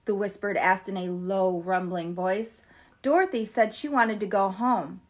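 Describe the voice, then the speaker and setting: A woman hosting a children's story time who reads aloud in an animated way and chats with her viewers. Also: mid-range voice, measured pace. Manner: animated and chatty, addresses viewers as "you guys". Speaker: children's story reader and host. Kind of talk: storybook read-aloud for kids.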